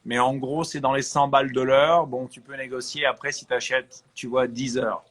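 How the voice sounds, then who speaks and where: A man from France, an actor, chatting as an interview guest and giving lively advice. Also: medium pitch, moderate pace. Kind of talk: casual interview chat.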